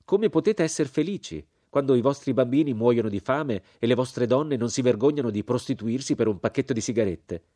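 A man's voice: medium pitch, expressive, a little fast, hardly any pauses, warm tone, no room sound, pitched above the performer's own voice, close to an everyday voice. A man reading as a haughty, moralizing older American society woman, cold and indignant.

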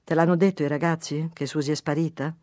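A woman's voice: low-pitched, fairly even intonation, quick pace, mellow, no room sound, clean studio sound, natural voice. A reader voicing a tired, irritated wife who keeps pressing her husband. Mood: insistent. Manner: nagging, insistent.

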